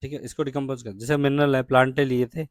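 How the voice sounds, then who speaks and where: In a steady, mid-range voice with no room sound, a man with an Indian accent gives children a science lesson. He reads each English line slowly, explains it in Hindi, and checks in frequently with "ठीक है?".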